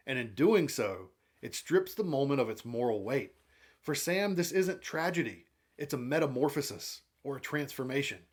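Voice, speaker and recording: A man narrating a scripted comic book recap in a measured, analytical way. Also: on the high side, husky.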